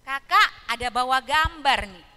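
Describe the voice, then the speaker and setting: Woman, children's church teacher; animated storyteller, quizzes the kids; very high pitch, bright tone. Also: unhurried, big-room sound. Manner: animated, asking children questions. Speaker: Sunday school teacher. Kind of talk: telling a Bible story to small children.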